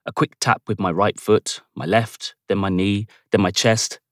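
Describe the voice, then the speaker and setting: A man's voice: lowish voice, fairly even intonation, measured pace, no room sound, clean studio sound. Cocky man narrating a novel. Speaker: audiobook narrator. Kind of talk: first-person novel narration with character voices.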